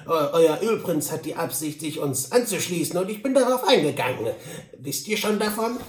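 A man's voice: fairly high pitch, animated, moderate pace, echoey room, natural voice. A man voicing a wry, knowing old trapper who chuckles as he talks.

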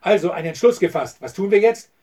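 A man reading the part of a blunt, rough male outlaw in an audiobook, speaking brusque and urging. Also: high-pitched, expressive, brisk, a little mellow, distant mic.

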